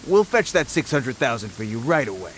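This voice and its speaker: An actor playing a jittery, deferential bandit underling in a video game, hesitant and placating. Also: male voice, medium pitch, big pitch swings, a little fast, slight background noise, close to an everyday voice, rough recording. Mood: placating, anxious.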